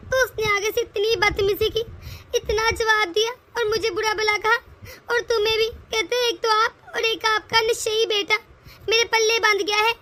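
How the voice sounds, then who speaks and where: A woman's voice: very high voice, pushed and bright, slight background noise. A woman voicing a scheming, vengeful middle-aged mother-in-law in a cartoon, with taunting, spiteful muttering. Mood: whiny.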